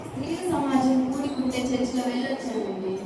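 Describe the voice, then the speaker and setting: A woman's voice: sits high, brisk, close to an everyday voice. A woman playing a meek, dutiful wife and mother in an amateur stage skit. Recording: echoey hall with loud noise, far.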